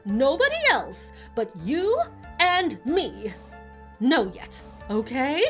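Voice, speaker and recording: A woman voicing a loud, pushy old woman witness who loves gossip, in a video game playthrough. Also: sing-song, slow, faint music behind, exaggerated voice. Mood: gossipy. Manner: shrill, pushy and scolding.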